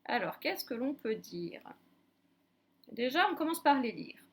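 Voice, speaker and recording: A woman's voice: high voice, very animated, unhurried, slight background noise. A woman teacher giving a recorded reading lesson to young children, patiently spelling out letters one by one. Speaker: primary school teacher.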